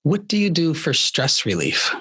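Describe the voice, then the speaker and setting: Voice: mid-range voice, sing-song, moderate pace, pushed and bright, breathy edge. A podcast host who asks brief questions and backs the guest with short acknowledgements. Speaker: interview host. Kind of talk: podcast interview.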